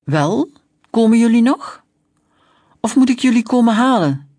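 A storyteller voicing a gruff, scornful young male gendarme who accuses and snaps at children. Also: mid-range voice, expressive, unhurried, a little mellow, no room sound, clean studio sound. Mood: impatient. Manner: accusing, snapping and growling.

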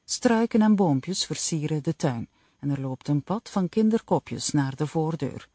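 A woman narrating an audiobook in the first person with a slow, even reading. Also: deep voice, breathy edge, no room sound, clean studio sound.

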